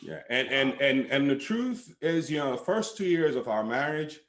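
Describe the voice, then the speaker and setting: A middle-aged man from Sierra Leone, a pastor, telling a personal story in a relaxed way with lots of fillers over a home video call. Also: medium pitch, normal speed, reverberant. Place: living room at home, indoors. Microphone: webcam on a video call.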